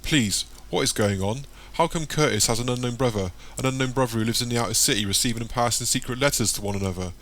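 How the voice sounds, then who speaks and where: A man's voice: medium pitch, fast talker, few pauses, a bit bright, pitched above the performer's own voice, lightly acted. A man voicing an anxious, hot-tempered young man in an audiobook, firing off urgent, demanding questions. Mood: agitated.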